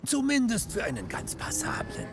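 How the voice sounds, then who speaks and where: An actor playing a genial, joking park guide in a video game, with a jaunty, self-deprecating manner. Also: male voice, high-pitched, huge pitch swings, moderate pace, gravelly, loud music behind the voice, full character voice. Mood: wry. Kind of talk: scripted video game character dialogue.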